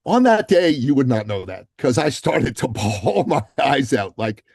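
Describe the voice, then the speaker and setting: A man's voice: mid-range voice, a little slow, creaky, husky, no room sound. Man, podcast guest, casual storytelling, lots of fillers, dry close sound. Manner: animated storyteller, acts out quotes; frequent fillers like um and you know.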